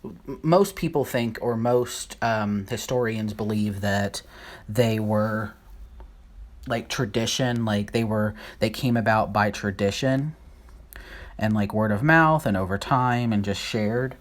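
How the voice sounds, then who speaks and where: Casual Bible study host, mid-pitched, slow and halting, writes as they talk. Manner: halting, unsure of names, thinks aloud while writing. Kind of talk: casual Bible lesson at a whiteboard.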